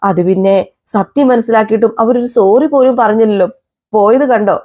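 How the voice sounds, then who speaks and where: A woman's voice: fairly high pitch, a little fast, dark tone. Chatty woman recapping a serial. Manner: chatty, conversational asides. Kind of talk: casual storytelling recap.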